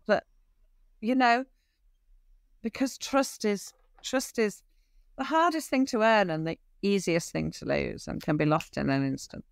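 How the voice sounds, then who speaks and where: A middle-aged woman, an equine behaviour expert, talking casually in an interview, animated and acting out little dialogues with frequent restarts. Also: medium pitch, a little slow, creaky, dry recording. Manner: animated, acts out quoted dialogue, many restarts.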